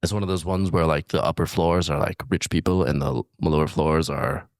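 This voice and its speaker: A man co-hosts an improvised comedy show, rambling in a musing, self-satisfied way. His voice is very low and deep. It is recorded dry and close. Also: fairly even intonation, fairly quick, dry recording. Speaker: co-host of a comedy morning show.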